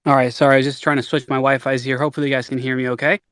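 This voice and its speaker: A man's voice: medium pitch, flat delivery, a bit bright, smooth, no room sound. Eager man in a dry, close recording. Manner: enthusiastic, rapid bursts. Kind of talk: casual livestream talk.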